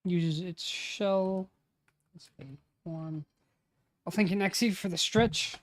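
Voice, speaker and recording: A man in his late twenties livestreams casually while writing a tabletop campaign, muttering lines aloud as he types before bantering with friends and swearing freely. His voice is high-pitched and slow, with fairly even intonation.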